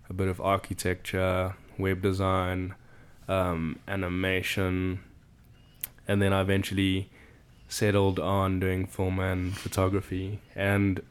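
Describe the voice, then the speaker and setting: Low, smooth-voiced man from South Africa. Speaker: podcast guest. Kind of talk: casual chat. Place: cabin.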